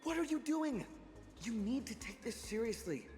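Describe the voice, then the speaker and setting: A man's voice: very high-pitched, expressive, moderate pace, darkish tone, in a large hall, soft background music. An actor playing a stern male challenger in a game, demanding and suspicious.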